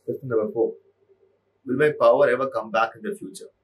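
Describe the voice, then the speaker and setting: A man in his thirties, an eye surgeon, explaining his patients' questions in a measured, methodical way, with occasional short restarts. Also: mid-range voice, steady tone, recorded from a distance, rough recording. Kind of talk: explanatory Q&A talk to camera. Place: medium-sized clinic exam room.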